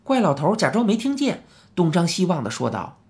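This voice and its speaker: A woman narrating a children's audiobook with expressive storytelling. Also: lowish voice, fairly quick.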